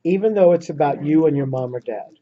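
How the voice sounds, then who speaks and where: A man leading a workshop, telling a story to a small audience in an earnest, animated way. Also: on the high side, fast talker, a little hiss or hum. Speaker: workshop leader. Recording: muffled lo-fi recording.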